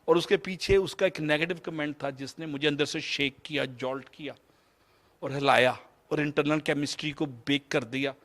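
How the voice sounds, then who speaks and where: A man's voice: fairly high pitch, steady tone. A man in his fifties from Pakistan with a Pakistani Urdu accent, telling a personal story in a motivational lecture and slipping English phrases into his Urdu. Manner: mixes English phrases into Urdu, shifts between loud and soft. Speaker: motivational speaker.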